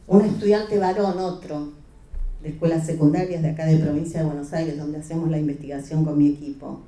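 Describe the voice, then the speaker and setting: A woman with an Argentine Rioplatense accent giving an academic conference talk as an education researcher, explaining in a measured way with filled pauses. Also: low-pitched, fairly even intonation, mellow. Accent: Argentine Rioplatense Spanish. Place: lecture hall. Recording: echoey hall, distant mic, faint hiss.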